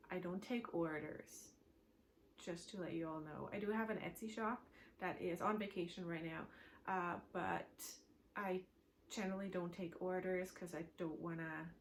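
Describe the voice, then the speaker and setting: Fairly low in pitch yet fairly bright in tone, this woman's voice comes with slight background noise. She's from Switzerland, speaks German as her first language, and hosts a knitting podcast from home, chatting to camera in a rambling way full of fillers.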